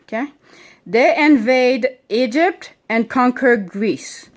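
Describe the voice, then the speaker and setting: A woman with a non-standard English accent homeschools her children, reading a history book aloud and explaining it in a slow, patient voice pitched a little high. She reads deliberately, drawing out key words. She often checks they follow with questions and a frequent "okay?"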